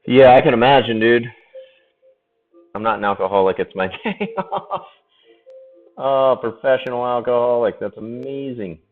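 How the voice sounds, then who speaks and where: A man's voice: medium pitch, moderate pace, long pauses. A man painting during a live stream, chatting casually, laughing often and swearing freely as he answers viewers. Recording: tinny phone-like audio with faint music.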